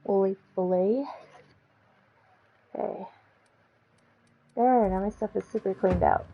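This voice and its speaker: A woman's voice: mid-range voice, slow, warm tone, muffled recording, a little hiss or hum. A woman streaming a video game with casual, playful commentary, chatting to herself as she plays. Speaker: gaming streamer.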